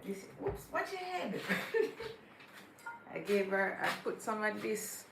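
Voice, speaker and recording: A woman's voice: medium pitch, big pitch swings, takes it slowly, gravelly, roomy sound, very noisy. A woman hosting a casual morning livestream, chatting with viewers and talking affectionately to her cat. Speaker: livestream host. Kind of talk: casual morning live chat.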